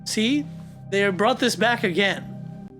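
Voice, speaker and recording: A young man hosting a reaction video, talking back to the screen with quick asides and laughs. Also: sits high, a bit bright, faint music behind. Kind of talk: casual reaction commentary.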